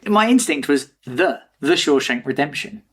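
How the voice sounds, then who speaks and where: A man's voice: a little high, animated, normal speed, a bit bright. Male podcast host, teasing, jokey, swears freely. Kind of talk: casual podcast banter.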